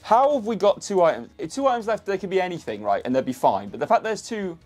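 An excitable man hosting a football shirt unboxing, often repeating himself as he reacts. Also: sits high, fast talker, faint music behind. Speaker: football shirt channel host.

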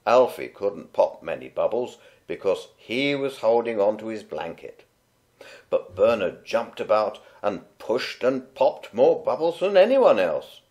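A man reading a children's picture book aloud in a gentle, unhurried, expressive way. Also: lowish voice. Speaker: storyteller. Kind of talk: read-aloud children's story.

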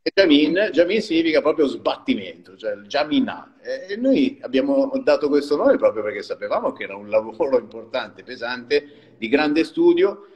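A man's voice: mid-range voice, sing-song, normal speed, hardly any pauses, a little mellow, long reverb tail, highs cut off. A man, founder of a small wine company, explaining his business in a chatty live-stream interview and laughing often. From Liguria.

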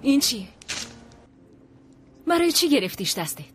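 A woman's voice: sits high, sing-song, slight background noise. A woman dubbing a young wife who fires off insistent questions and defends her husband. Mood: demanding. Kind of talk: dubbed drama acting.

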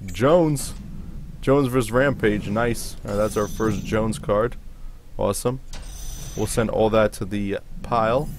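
A man's voice: on the low side, unhurried, background noise. A man hosting a gaming video with casual commentary, reacting aloud to what appears on screen.

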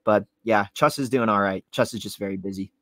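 A man's voice: fairly low pitch, fairly quick, a bit bright, no echo. A young man in his twenties co-hosting a sports podcast, rambling easygoing chat full of "like" and "you know". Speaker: podcast co-host.

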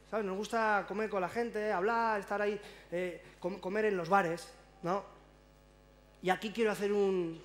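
A man from La Rioja performing a stand-up monologue on stage, with stammered restarts, acting out characters in a raised voice. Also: high voice. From La Rioja, Spain. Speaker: stand-up comedian. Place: stage at a public event.

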